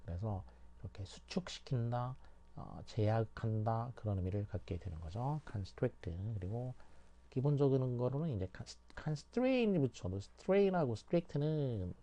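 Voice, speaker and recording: A man's voice: lowish voice, moderate pace, warm tone. A man teaching English vocabulary through word roots, explaining at length and repeating key words with many fillers.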